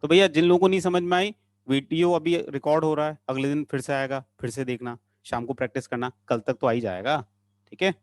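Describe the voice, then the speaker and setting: A man's voice: a little high, fairly even intonation, a little fast, no echo, studio quality. Sing-song coaxing male chemistry teacher. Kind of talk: online class lecture.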